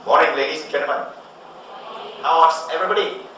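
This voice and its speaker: A man's voice: a little high, fairly quick, in a large hall. A middle-aged man giving an emphatic motivational speech to an audience, full of rhetorical questions. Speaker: motivational speaker and consultant. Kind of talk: public speech.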